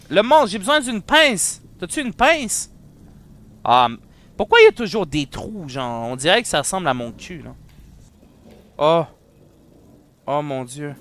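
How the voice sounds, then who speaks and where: A young man with a Quebec French accent, giving excitable commentary while playing a horror game and bantering with the monster. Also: sits high. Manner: excitable, shouts and jokes at the monster. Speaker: let's play gamer.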